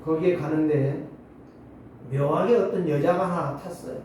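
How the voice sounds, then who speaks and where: A man in his sixties preaching a Sunday sermon, swinging between loud exclamations and low asides. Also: measured pace, a little hiss or hum. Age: 60s. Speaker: pastor. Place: church sanctuary. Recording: very echoey hall, mic at a distance.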